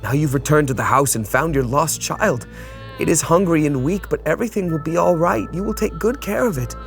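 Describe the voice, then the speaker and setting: A man's voice: a little high, a little fast, vocal fry, faint music behind. A man hosting a board game, reading out the rules and story cards to the players in a theatrical way. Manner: theatrical, lively rule-reading.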